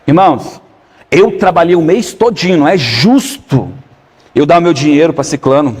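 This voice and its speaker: A man preaching a sermon as pastor, his voice sitting high for a man. He keeps turning to the congregation with quick questions and calls for an amen. The sound rings with a long reverb from the church hall. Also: a little mellow, husky.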